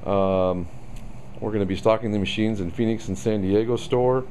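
A man with a fairly low voice walks a camera around a machine in an indoor showroom, explaining its features in a loose, unscripted way. He fills his pauses with plenty of ums and uhs, and there is a faint hum of room noise behind him. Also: fairly even intonation, mellow. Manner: casual, many ums and uhs. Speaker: equipment salesman. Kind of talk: product walkaround demo.

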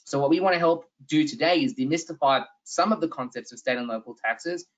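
A man with an Australian accent presents a tax webinar over a video call, explaining things earnestly with frequent "uh"s and restarts. His voice is on the high side and a little fast, and he sits far from the mic. The video-call audio sounds slightly dull.

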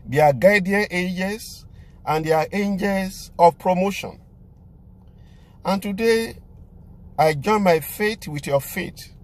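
A man, a pastor preaching and praying with emphatic, repeated declarations, recorded on a phone inside a car. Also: high-pitched. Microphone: phone camera at arm's length.

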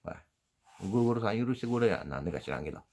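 Gravelly low-voiced Osaka-dialect man. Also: expressive, fast, a little mellow. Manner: meandering, folksy, self-deprecating. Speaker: channel host. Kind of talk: rambling casual monologue. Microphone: handheld phone.

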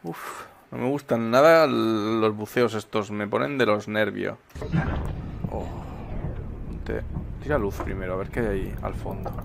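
A man's voice: fairly low pitch, a little slow, gravelly. A man from Spain chatting and swearing through casual gameplay commentary, humming and singing silly little tunes. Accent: Spain Spanish. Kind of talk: casual let's-play commentary. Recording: loud game noise behind voice.

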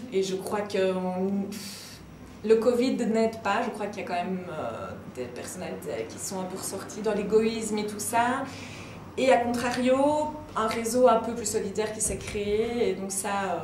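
A woman's voice: mid-range voice, noisy background. A middle-aged woman answering interview questions with eager enthusiasm, speaking in a small room. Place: small room with brick wall. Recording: echoey room, mic at a distance.

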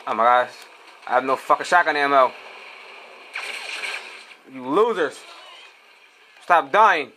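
A man's voice: medium pitch, fairly quick, a little hiss or hum. A young man, trash-talking his teammates while commenting on his own gameplay. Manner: excitable, profane trash talk. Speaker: gamer.

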